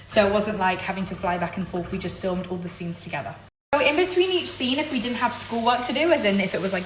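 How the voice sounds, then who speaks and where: A teenage actress answers fans in a laid-back vlog Q&A from her kitchen, speaking at medium pitch in a mostly British accent that slips American now and then, since she was born in New York and raised in London. She chats, giggles softly, and says "really, really." The recording is reverberant, low quality, with a little hiss or hum.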